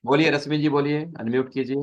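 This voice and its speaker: A man's voice: on the high side, fairly even intonation, fast. A man teaching an online class on Sanskrit sutras, patiently explaining and repeating each term. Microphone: video call.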